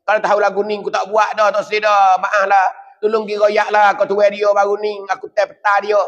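A man's voice: sits high, completely flat delivery, normal speed, fairly bright tone, voice pushed up. A preacher voicing a dead man begging from the grave. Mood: pleading. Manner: begging, wailing repeated pleas. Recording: dull lo-fi with long reverb.

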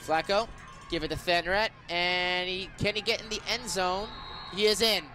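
Faint music plays behind an American man doing radio play-by-play for a football game at a moderate pace. His voice is very high and bright, and in true classic-announcer style he stays excitable, rising to emphatic calls whenever a big play comes.

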